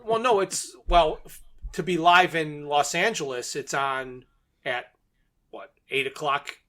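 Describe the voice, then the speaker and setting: Unhurried and fairly bright in tone, a man with a higher-than-average voice co-hosts a podcast. He goes over a story casually, sprinkling in wry, amused comments as part of an easygoing book and radio drama conversation.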